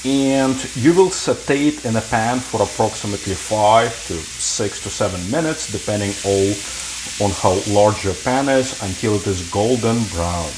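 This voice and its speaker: Low-voiced man hosting a cooking show. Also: background noise. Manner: relaxed, halting explanations with fillers. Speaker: cooking channel host. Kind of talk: home cooking tutorial. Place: home kitchen.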